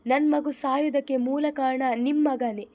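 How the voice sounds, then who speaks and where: A heartbroken young wife from a spoken love story, tearful and bitterly accusing, as a woman reads her part. Her voice sits high. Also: fairly even intonation, moderate pace, dark tone, lightly acted.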